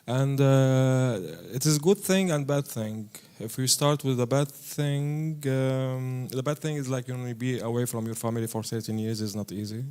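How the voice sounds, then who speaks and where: A man from Syria speaks on a panel in a halting way. He often stops, restarts and fills pauses. His voice sits in an ordinary middle pitch. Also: fairly even intonation, mellow, clear, resonant tone. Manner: halting, many fillers and restarts. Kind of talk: panel discussion.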